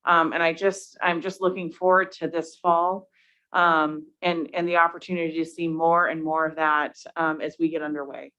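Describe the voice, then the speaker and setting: A woman's voice: low-pitched, flat delivery, normal speed, fairly bright tone. A woman board director sharing fond, hesitant remarks about her community at a public meeting, with frequent ums. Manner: hesitant, many ums, affectionate. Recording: muffled meeting-room audio.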